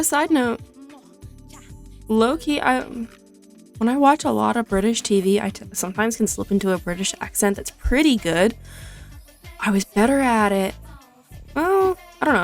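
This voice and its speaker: Chatty young woman with a gravelly edge. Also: fairly high pitch, animated, normal speed, long pauses, faint music behind. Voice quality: clear, careful enunciation. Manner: chatty, tangent-prone, self-deprecating. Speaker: gaming streamer. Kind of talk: casual rambling commentary while playing.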